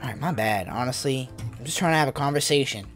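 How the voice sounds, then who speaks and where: A man's voice: mid-range voice, fast, a bit bright, soft background music. A young man bantering casually with strangers in a VR game, slangy and comically indignant. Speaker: streamer playing social VR.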